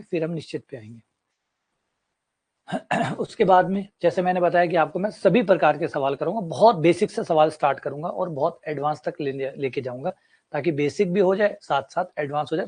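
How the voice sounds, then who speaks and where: A man gives a maths lecture, his voice sitting a little higher than most men's. He explains step by step with everyday examples and says key points twice. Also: a little mellow, slightly rough. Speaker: maths teacher. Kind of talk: classroom lecture.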